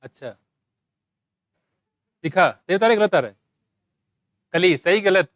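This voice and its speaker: A man with a high, slightly bright voice and lively intonation teaches biology to a live class at a somewhat slow pace, quizzing students by name, teasing them, and scolding them with jokes. His throat is dry from shouting, and the recording has no echo.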